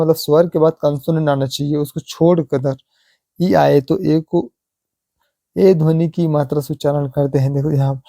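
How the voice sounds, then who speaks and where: A man teaching English pronunciation, repeating example words slowly and asking rhetorical questions. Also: on the high side, dark tone, dry recording. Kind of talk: slow classroom explanation.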